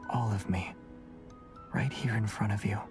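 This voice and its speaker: An actor playing a calm, earnest young hunter in scripted game dialogue. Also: male voice, lowish voice, a little slow, soft background music. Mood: earnest, intimate.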